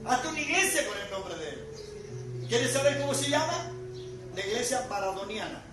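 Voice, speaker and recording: An older man preaching a sermon as pastor, swinging between loud bursts and quiet drops. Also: very high-pitched, sing-song, normal speed. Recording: echoey hall from far off with music.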